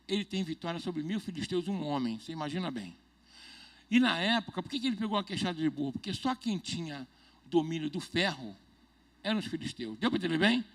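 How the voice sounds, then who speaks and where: Preaching as pastor at a midweek service, this man has a slightly high, expressive voice that's brisk and a bit bright. His delivery is conversational and full of humor, with chuckles between points and frequent questions to make sure the congregation is following.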